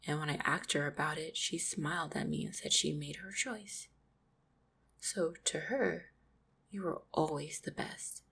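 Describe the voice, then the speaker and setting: A woman voices an affectionate, supportive orc fiancée in intimate roleplay audio, speaking tenderly and reassuringly with gentle teasing. Her low-sitting, full character voice is breathy and husky, often dropping close to a whisper.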